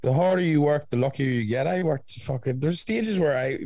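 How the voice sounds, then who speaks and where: A man's voice: on the high side, normal speed, dark tone, no echo. Young Northern Irish man, dry close sound. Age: 20s. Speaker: podcast co-host. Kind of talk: casual podcast chat.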